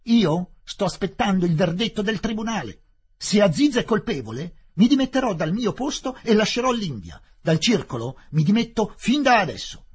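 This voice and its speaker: A man's voice: sits high, sing-song, moderate pace, husky, pitched above the performer's own voice, exaggerated voice. A man doing a firm, composed English teacher. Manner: firm, formal declarations. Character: composed English schoolmaster standing his ground.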